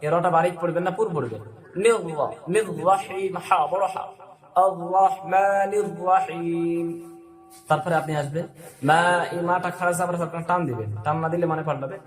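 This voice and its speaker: High-voiced man teaching slow recitation. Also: roomy sound. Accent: Bangladeshi Bengali. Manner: drawn-out slow recitation alternating with quick explanation. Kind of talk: tajweed lesson with slow demonstrations.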